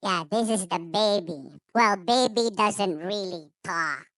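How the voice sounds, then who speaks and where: A man talking through a voice changer set to a squeaky helium-like baby voice, testing it while he explains. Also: slow pace, a bit bright, no room sound, full character voice. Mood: amused.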